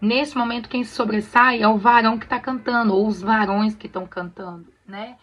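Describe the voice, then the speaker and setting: A Brazilian woman gently teaching church choir singers to read sheet music, often checking they follow along. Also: fairly high pitch, steady tone, moderate pace. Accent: Brazilian Portuguese. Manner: friendly, explains patiently with many "tá bom?" checks. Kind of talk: casual tutorial on reading sheet music.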